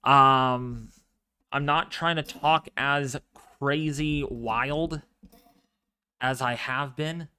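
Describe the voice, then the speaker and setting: This severe weather livestream host speaks extremely slowly in a mid-range voice. He sounds calm and fairly monotone, quiet yet clear, while commenting and chatting with viewers.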